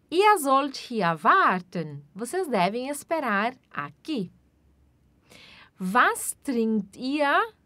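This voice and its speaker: A woman from Brazil teaching German online, saying model sentences slowly and loudly, then explaining them in a chatty way. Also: a little high, no room sound. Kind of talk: online language lesson.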